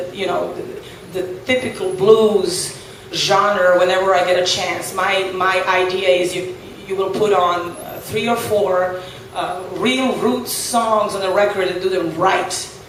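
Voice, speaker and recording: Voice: mid-range voice, a bit bright. A blues guitarist from Serbia with a Serbian accent, speaking English as a second language, answering interview questions on a boat in a thoughtful way, with many fillers and restarts. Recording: echoey, far from the mic, faint noise.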